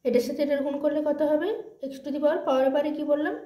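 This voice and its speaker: A woman's voice: high voice, steady tone, racing, warm tone. A woman with a Bengali accent tutoring math informally, talking through each step and asking and answering her own questions. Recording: roomy echo.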